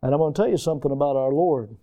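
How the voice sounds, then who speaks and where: A man preaching a sermon, emphatic and rising to loud peaks. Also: a little high, very fast, highs cut off.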